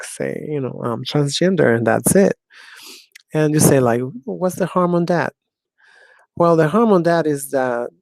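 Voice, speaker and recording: A woman's voice: a bass voice, dark tone, no echo. A woman in her fifties hosting her own talk show in a rambling, scornful solo monologue full of "you know". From Mexico. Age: 50s. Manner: scornful, ranting.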